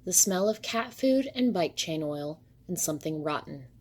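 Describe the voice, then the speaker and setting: Brief: woman narrator, lowish voice, steady first-person horror storytelling. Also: moderate pace, breathy edge.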